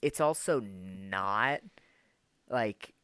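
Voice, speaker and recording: A man's voice: fairly low pitch, expressive, very slow, a bit bright, clear, resonant tone. A man co-hosting a casual podcast, telling a long story in a rambling way, full of fillers and the odd swear word. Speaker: podcast co-host. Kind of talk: casual chat.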